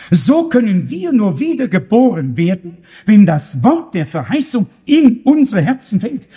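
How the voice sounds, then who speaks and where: A man's voice: high voice, mellow, slightly rough. A man preaching a sermon, reading scripture aloud and asking the congregation questions. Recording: long hall reverb.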